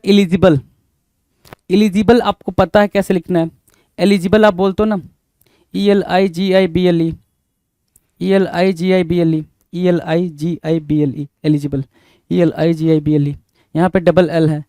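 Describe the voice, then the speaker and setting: Male tutor, higher voice with a mellow tone, spells words slowly and repeats them, recorded dry and close. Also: no echo. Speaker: teacher. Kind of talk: exam-prep spelling lesson.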